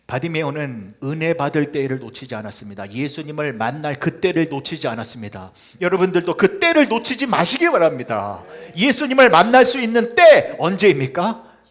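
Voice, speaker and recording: A Korean pastor preaching a Sunday sermon, swinging from hushed, almost whispered lines to loud, fervent cries. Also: male voice, fairly high pitch, very animated, a little fast. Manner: swings from hushed to shouted cries when quoting scripture. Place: church sanctuary.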